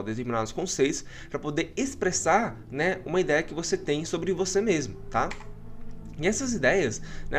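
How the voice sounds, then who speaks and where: A man's voice: fairly high pitch, a little hiss or hum. Man lecturing with constant tag questions. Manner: frequent checking tags, explanatory. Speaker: psychology lecturer. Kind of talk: online course lecture. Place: home.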